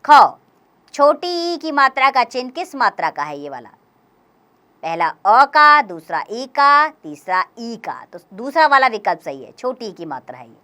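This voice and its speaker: A woman teaching a grammar lesson for young children, explaining slowly and clearly, step by step. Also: a little high, sing-song, sharp tone.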